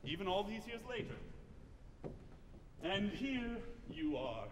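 A man playing a fatherly old army sergeant in spoken opera dialogue on stage, a warm, teasing storyteller who turns blustery when alarmed. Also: high-pitched, very animated, takes it slowly, slight background noise, heavily acted. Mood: fond. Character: gruff fatherly older army sergeant, doting and protective. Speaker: opera singer-actor. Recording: echoey hall from off-mic, with music.

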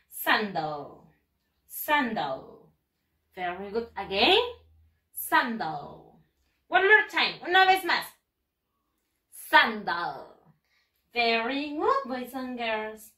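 A woman teaching English to first graders in a bilingual lesson, slow and exaggerated, patiently repeating words for the children to copy. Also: fairly high pitch, pushed and bright, far from the mic. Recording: echoey room, speaking away from the mic.

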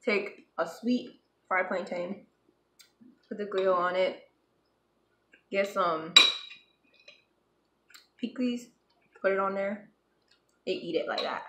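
A woman's voice: mid-range voice, slow pace, pauses often, fairly bright tone. A woman hosting a home video, chatting casually and upbeat while she eats at a table. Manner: chatty and upbeat, talks between bites. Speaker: vlogger hosting a food-eating video. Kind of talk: casual chat while eating. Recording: echoey room with clattering dishes. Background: clinking cutlery and dishes.

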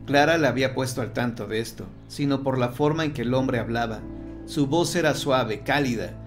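A man reading a horror audiobook in a steady, measured storytelling voice. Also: mid-range voice, soft background music. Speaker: narrator. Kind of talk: scripted audiobook narration.

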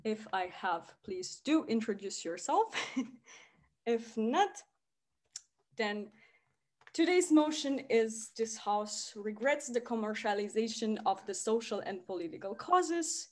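A woman from Romania chairs a debate over a video call, friendly and measured, pausing on fillers. Her voice sits a little high. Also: expressive, a little mellow.

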